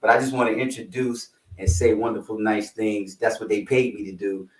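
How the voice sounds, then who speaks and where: Animated male podcast co-host, casual and playful, on a distant echoey call mic. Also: lowish voice, fairly quick. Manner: animated, playful, lots of slang and fillers. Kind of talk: casual podcast chat and guest introduction. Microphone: video call.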